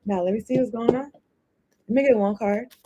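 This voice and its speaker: Fairly quick and fairly high-pitched, this woman's warm voice carries a casual tarot reading over slight background noise. She chatters and wanders between cards and thoughts, swearing from time to time.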